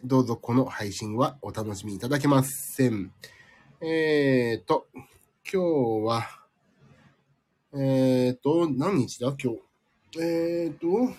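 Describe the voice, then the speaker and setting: Husky, lively-pitched man, a bit nasal. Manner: rambling, sleepy, self-deprecating. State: slightly nasal from a cold. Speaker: livestream host. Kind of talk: casual live-stream chat reading listener comments.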